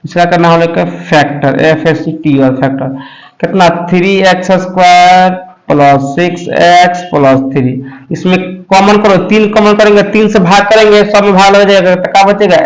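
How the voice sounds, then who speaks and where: A man's voice: sits high, steady tone, low-quality recording. A male math tutor, explaining a lesson step by step and checking often that students follow. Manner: slow, repetitive explaining with frequent check-ins. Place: coaching class.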